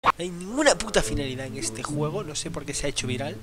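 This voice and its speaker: Excitable young gamer, swearing. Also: male voice, fairly high pitch, fast talker. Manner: excitable, swearing, sudden yells and laughs. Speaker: gameplay youtuber. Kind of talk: casual gameplay commentary. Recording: game music behind.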